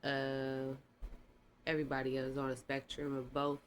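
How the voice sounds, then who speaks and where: Speaking at a moderate pace with a mid-range, congested voice, this tarot reader runs a laid-back channel reading full of slang and meandering talk.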